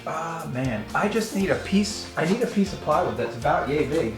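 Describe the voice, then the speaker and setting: A man with an expressive, high-ish voice hosts his own DIY project vlog from his home garage, chatting casually at normal speed and self-deprecatingly explaining each step as he works. The room is echoey, with music in the background.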